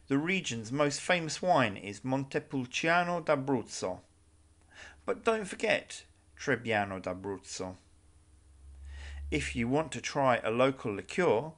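Man, travel narration, scripted, dry little asides, mid-pitched. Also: big pitch swings, measured pace, fairly bright tone.

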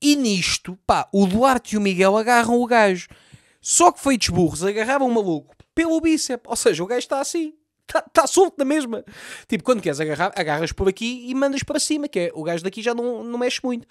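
A Portuguese man with a Lisbon accent, a comedian recapping a TV series with crude, sarcastic and animated commentary, acting out the characters. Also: extremely high pitch, brisk, no echo, clean studio sound. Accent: European Portuguese, Lisbon. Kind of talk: comic commentary.

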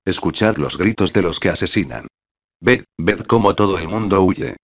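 A man voicing a weary, gentle middle-aged king with a mild, resigned manner. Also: low-pitched, moderate pace, highs cut off. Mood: firm.

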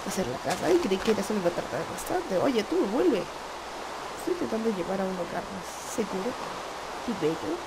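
A woman giving casual, chatty commentary while playing a game, playfully coaxing the animals. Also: mid-range voice. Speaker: gamer. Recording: noisy home recording.

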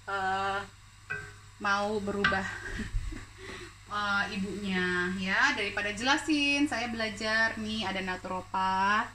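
Streaming live from her kitchen at home, a cooking show host from Indonesia chats, laughs often, and fields questions from viewers, mixing in English words as she goes. Her voice sits in the mid-range, and background noise can be heard.

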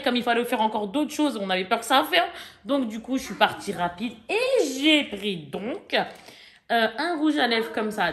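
A woman in her forties, speaking at a medium pitch with a fairly bright tone, chats casually with her viewers while showing off a shopping haul. She talks directly to the camera, filling her vlog with lots of fillers and asides.

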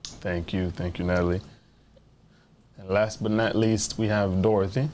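A man's voice: deep voice, fairly even intonation, unhurried, darkish tone, slight background noise. A man hosting a panel discussion over a video call, making brief, welcoming introductions. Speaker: host. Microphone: video call webcam.

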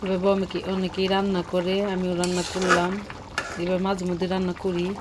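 A woman's voice: lowish voice, completely flat delivery, brisk. A woman giving plain, matter-of-fact narration as she cooks in her home kitchen. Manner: plain, matter-of-fact commentary while cooking. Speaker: home cook vlogger. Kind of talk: casual cooking narration. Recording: noisy kitchen with loud sizzling. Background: loud frying and sizzling.

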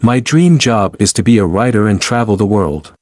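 A man with a somewhat low voice reads short answers for a language lesson, pacing each line carefully. His delivery is clear, even, and deliberate, made up of slow repeated example sentences for learners. The recording is dry and close, with no room sound.

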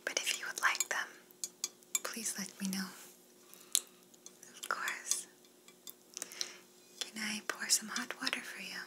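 Slow whispered role-play, courteous flight attendant acted by a woman. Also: mid-range voice, steady tone, close to an everyday voice. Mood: courteous, soothing. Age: young adult. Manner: attentive, polite flight attendant service talk. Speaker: ASMR performer playing a flight attendant.

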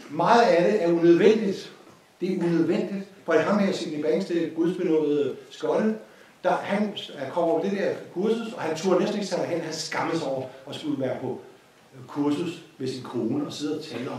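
A man with a Danish accent giving an informal course lecture, telling a story with repeated phrases and lively asides. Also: fairly high pitch. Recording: echoey hall from a distance.

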